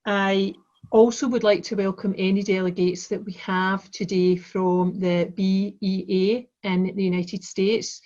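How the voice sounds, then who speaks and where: A woman with a broad Glasgow accent chairs an online conference, delivering formal, courteous opening remarks. Her medium-pitched voice stays quite flat in melody. The video-call audio is slightly dull and lo-fi. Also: measured pace. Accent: broad Glaswegian Scottish. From Glasgow, Scotland. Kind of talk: welcome address on a video conference. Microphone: video call microphone.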